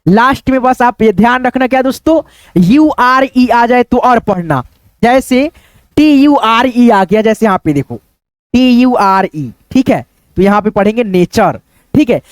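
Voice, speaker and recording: A man teaches a spoken English lesson on pronunciation, speaking a little slowly in a very high-pitched, expressive voice with no room sound. He repeats phrases often, asks and answers his own questions, and treats viewers as friends.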